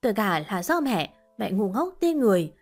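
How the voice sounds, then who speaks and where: A woman's voice: mid-range voice, very animated, moderate pace, soft background music. A woman voicing a desperate, grieving older mother who pleads through sobs. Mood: wailing. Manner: sobbing, pleading.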